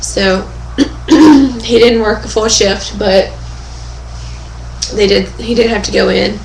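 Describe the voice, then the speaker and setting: Speaking into her webcam mic at home, a young vlogger chats slowly and casually in a medium-pitched, slightly mellow voice that sounds hoarse and fades out. Her talk is full of pauses and fillers, and she keeps clearing her throat. There's room echo and a faint hum of ambience.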